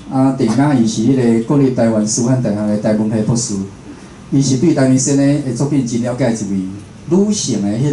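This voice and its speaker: Mellow and medium-pitched, a Taiwanese-accented radio host and programme producer chats his way through a public talk, regularly finishing phrases with a little confirming tag. The setting is an indoor venue with the audience seated. Faint background noise sits under a roomy echo.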